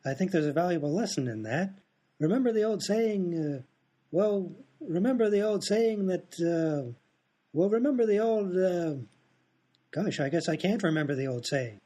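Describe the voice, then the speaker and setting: Playing an oblivious, scatterbrained doctor in an absurd radio sketch, a man speaks with a high-sitting, warm, expressive voice at an ordinary pace. His rambling is breezy and matter-of-fact, forever straying happily off-topic.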